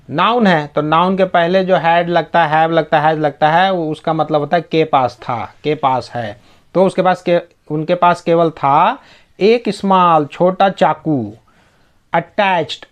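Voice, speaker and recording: Guy teaching reading, slightly high voice, goes slow word by word, patient. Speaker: English teacher. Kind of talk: explaining English reading in Hindi.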